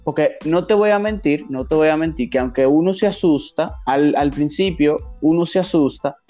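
Slightly high-voiced young Dominican man. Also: moderate pace, faint music behind. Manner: slangy, animated explaining with acted-out examples. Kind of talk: casual chat.

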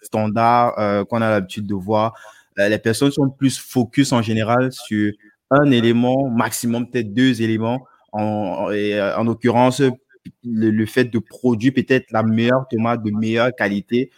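A man hosting a casual interview, asking questions in a halting way with many fillers. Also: mid-range voice, fairly even intonation, dry recording. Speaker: podcast host.

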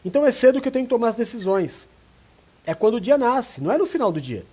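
A man's voice: very high voice, quick pace, husky. A man, a pastor, giving relationship advice in a casual chat and acting out the people he quotes. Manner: animated, acts out quoted voices. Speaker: pastor and co-host.

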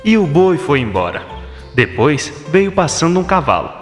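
Animated male children's storyteller, higher-pitched voice. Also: normal speed. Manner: expressive, theatrical. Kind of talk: scripted children's story narration. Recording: echoey, long reverb, music behind.

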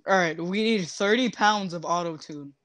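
A man chatting casually while playing a zombie game, joking and rambling, often trailing off softly. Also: sits high, moderate pace, crowd noise. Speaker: gamer streaming zombie survival. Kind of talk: casual gaming chat.

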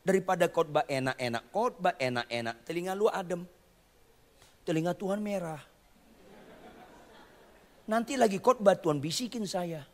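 A man preaching a lively sermon, quizzing his congregation and tossing in jokey asides, in a church hall. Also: high-pitched, normal speed, long pauses. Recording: long reverb of a church hall.

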